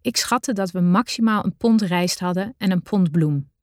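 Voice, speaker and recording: A woman narrating her own adventure story in the first person, with a measured, deliberate reading style. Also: on the low side, no echo, clean studio sound.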